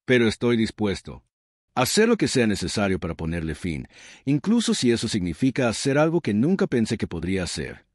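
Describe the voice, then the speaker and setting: A war-weary human soldier speaks steadily and with firm resolve, as a man narrating the story voices him. The voice is fairly low yet lively in pitch. The recording is dry and close. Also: brisk, no room sound. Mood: determined. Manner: steady and determined.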